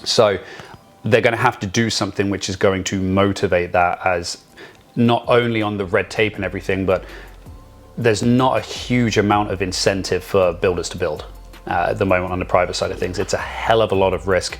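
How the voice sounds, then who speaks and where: A man's voice: low voice, fairly even intonation, moderate pace, soft background music. A man co-hosting a real estate podcast, talking in a casual, rambling way with many restarts and the odd joke. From Vancouver area. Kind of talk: casual chat.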